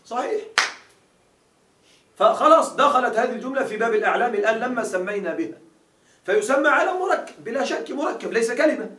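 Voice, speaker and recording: A man's voice: very high voice, animated, fast, long pauses, sharp tone, a little hiss or hum. A man teaching a grammar class, quizzing his students with repeated questions as he explains. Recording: echoey room, mic far off.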